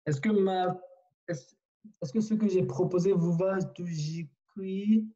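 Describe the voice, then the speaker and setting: A man's voice: high voice, fairly even intonation, measured pace, mellow, highs cut off. A man teaching a language online in a patient way, repeating himself with many fillers and restarts, over a video call.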